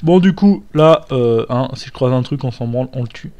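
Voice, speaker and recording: A man's voice: mid-range voice, moderate pace, dark tone. A young man chatting casually through gameplay commentary, swearing freely and wandering into asides. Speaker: gamer. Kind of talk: let's play commentary.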